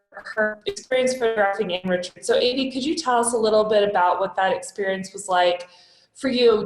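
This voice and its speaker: A woman hosts an online panel on a computer mic with no headphones, and her voice bounces around a large high-ceilinged room until it sounds like she is in a cave. Her pitch sits in the middle and she pauses often with filler words. The echo is heavy and roomy. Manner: hesitant, many filler ums. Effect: cave-like echo from a big high-ceilinged room. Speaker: panel moderator. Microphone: computer mic without headphones on a video call.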